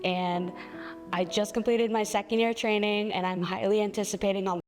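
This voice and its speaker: A woman's voice: mid-range voice, fairly even intonation, moderate pace, over music. A woman speaking fluently and composedly as a trades apprentice giving a testimonial. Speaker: millwright apprentice. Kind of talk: personal testimonial. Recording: long reverb.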